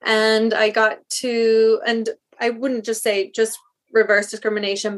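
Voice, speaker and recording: A South African woman answers interview questions as a guest, speaking earnestly and thoughtfully about her work as a speech language pathologist. Her voice is on the high side with a fairly bright tone, and she often stops to rephrase and restart.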